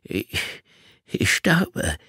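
A frightened older male psychiatrist, shrill and strained with fear, as a male narrator voices him. His words come tight and high-strung, recorded close and dry. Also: very slow, sharp tone, no echo. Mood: fearful.

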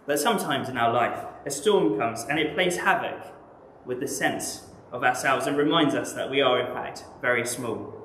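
Man, English accent, preacher, measured sermon, reflective questions, echoey church, faint room ambience. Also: medium pitch, a bit bright, slight background noise.

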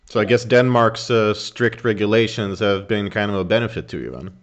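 A man's voice: lowish voice, a little fast. A young man interviewing a fighter over a video call from a room at home, asking long, wordy questions. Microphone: video call webcam with earphones. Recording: dull lo-fi video call audio.

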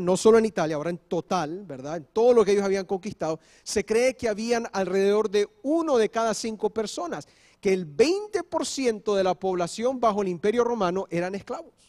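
A man's voice: sits high, animated, moderate pace, a little mellow. A male pastor preaching a sermon, explaining step by step and often checking in with the congregation. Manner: switches briefly into English. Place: church.

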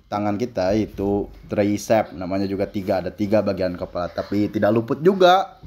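A man's voice: lowish voice, a little mellow. A young man chatting casually through his workout as a fitness vlogger, explaining while he lifts and dropping in loose English phrases, recorded by a camera set up across a large indoor gym. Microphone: camera on a stand at a distance.

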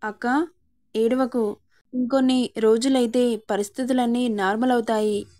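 A woman's voice: a little high, steady tone, a little slow, warm tone, natural voice. A woman voicing a caring younger brother. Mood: earnest.

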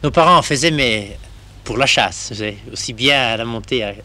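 A man's voice: mid-range voice, brisk, bright, forceful tone. A man who farms and teaches skiing, reminiscing plainly in an interview. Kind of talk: interview recollection.

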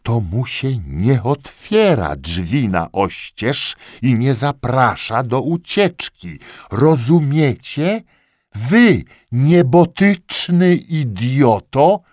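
Sneering army lieutenant, deep-voiced, slow and cutting. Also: male voice, husky, dry recording, clean studio sound, full character voice. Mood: furious. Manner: slow, cutting, rising to furious shouts. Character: pompous sneering Austrian army lieutenant, male. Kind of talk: audiobook character voice.

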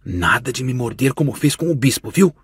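Man doing a young princess, gentle older sister, hushed whisper, husky, lively pitch, audiobook. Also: normal speed, no echo, clean studio sound, exaggerated voice. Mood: tender whisper. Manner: soft hushed whispering delivery.

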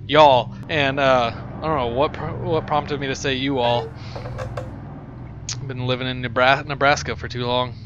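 A man's voice: medium pitch, little pitch movement, measured pace, dull audio, noisy background. A young man from Texas nervously commenting on a horror game, talking to himself and yelping when startled. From Texas, USA. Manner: jittery, talks to himself, yelps and sing-songs when scared. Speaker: gaming YouTuber.

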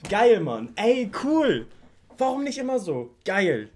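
A young man hosting a music reaction video, gushing in excited, slangy casual commentary. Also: high-pitched, takes it slowly, background noise. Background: faint hip hop track playing.

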